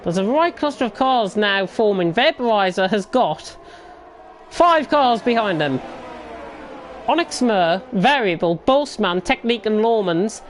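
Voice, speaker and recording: A woman's voice: mid-range voice, expressive, unhurried. A woman giving live motorsport commentary, calling the racing action as it happens. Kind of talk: live motorsport commentary of an online league race. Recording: clear background noise.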